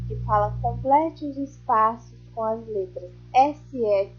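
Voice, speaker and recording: A woman teacher explains a worksheet to first graders at a patient, step-by-step pace and keeps checking that they follow. Her voice sits fairly high with a husky edge. The recording sounds dull and lo-fi. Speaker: primary school teacher. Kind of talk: recorded remote class.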